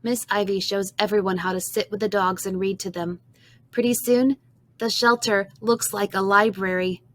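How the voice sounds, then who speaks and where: Gentle woman reading a storybook. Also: mid-range voice, normal speed. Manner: gentle, expressive first-person reading. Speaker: audiobook narrator. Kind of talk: scripted storybook narration.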